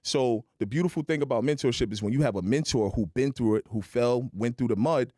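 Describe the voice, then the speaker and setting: A man's voice: medium pitch, brisk, mellow, no echo, studio quality. A man on a podcast telling his career story in a motivational way, often checking in with "right?". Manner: motivational, keeps adding "right?". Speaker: podcast guest.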